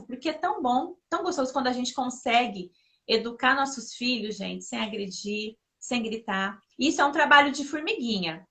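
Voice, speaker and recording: A woman speaks as a guest on a parenting talk, telling stories from home in a lively, chatty way and turning to the listeners as she goes. Her voice is bright and clear, sitting a little high. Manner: lively anecdotal, often addresses listeners directly. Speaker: guest, mother. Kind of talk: casual conversational advice.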